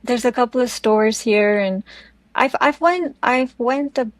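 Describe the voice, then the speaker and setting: A South African woman with an Afrikaans accent and Afrikaans as her first language, speaking thoughtfully and haltingly as an interview guest. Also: a little high, no room sound. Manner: thoughtful, halting, searching for words. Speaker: podcast guest. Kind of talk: reflective interview conversation.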